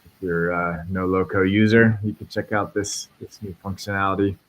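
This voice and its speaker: A man's voice: low-pitched, normal speed, rough recording. A man hosting a casual tech podcast, chatting easily and reading a sponsor spot. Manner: relaxed, reads sponsor spot. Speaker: podcast host.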